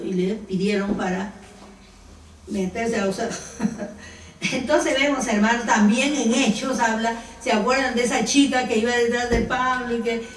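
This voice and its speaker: A woman's voice: on the high side, a little hiss or hum. A woman leading a Bible study who directs the group to verses and asks her listeners questions. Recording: roomy room, distant mic.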